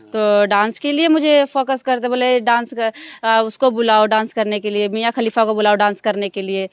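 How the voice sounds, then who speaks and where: A young woman talks through her answers with frequent fillers and restarts. Her voice sits a little high and comes out smooth and clean. The sound is dry and close, with no room around it. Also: fairly even intonation, no echo. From Bihar, India. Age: young adult. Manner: halting, many fillers and restarts. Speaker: stage dancer, interview guest. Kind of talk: casual interview answers.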